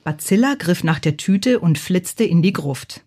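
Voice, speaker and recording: A woman narrating a children's storybook in a calm, measured reading. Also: fairly low pitch, husky.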